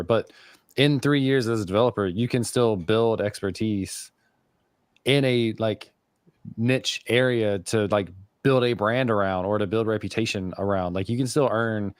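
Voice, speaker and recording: A man hosts a live developer stream in a laid-back, friendly way, passing the word to guests and reading chat. His voice sits fairly low and sounds dry and close, with no room echo. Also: smooth. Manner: relaxed, friendly moderator, reads chat aloud.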